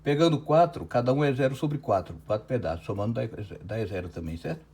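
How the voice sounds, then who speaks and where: This Brazilian Portuguese-accented physics teacher talks fast in a medium-pitched, darkish voice with lively intonation during an online lecture. He goes through a problem step by step and checks often with "certo?".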